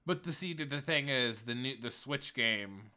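A man in his late twenties chats casually and rambles, often breaking off and starting over. He sounds animated and interrupts himself, with a medium-pitched voice at normal speed.

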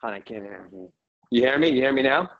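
A man's voice: mid-range voice, lively intonation, quick pace, lo-fi sound. A man speaking on a group call whose connection keeps breaking up and dropping out, so he keeps checking whether he can be heard. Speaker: participant in a rabbi's group call. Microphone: phone or online call.

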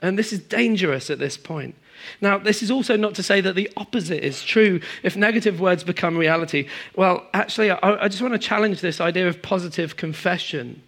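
A man preaching a sermon to a congregation, moving between emphatic high passages and quiet, low stretches. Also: a little fast, hardly any pauses. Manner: animated, swings from emphatic highs to quiet low asides. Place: church hall in front of a congregation.

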